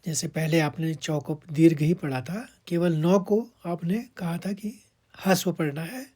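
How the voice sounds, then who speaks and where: Lady teaching sanskrit chanting, lowish voice, chants slow then quick little explanations. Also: mellow, slightly rough. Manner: chants verse lines slowly, then explains in quick asides; patient, step-by-step instruction. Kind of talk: verse recitation lesson.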